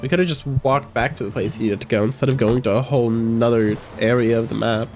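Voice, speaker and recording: A man's voice: mid-range voice, steady tone, brisk, darkish tone. A man streaming a game live, giving wry, joking, chatty commentary.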